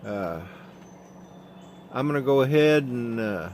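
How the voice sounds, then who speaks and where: Outdoors at sunrise, a man with an Oklahoma accent live streams from a handheld phone, answering viewers' comments in a slow, drawling, halting monotone packed with fillers. His voice is medium-pitched, and there's slight background noise.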